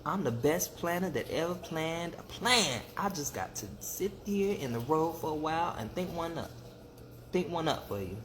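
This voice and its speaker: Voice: medium pitch, expressive, moderate pace, crowd noise, voice pushed up, lightly acted. A storyteller as Brer Rabbit, a sly trickster. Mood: boastful. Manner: folksy, confident, scheming. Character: sly, boastful trickster rabbit in a Southern folktale.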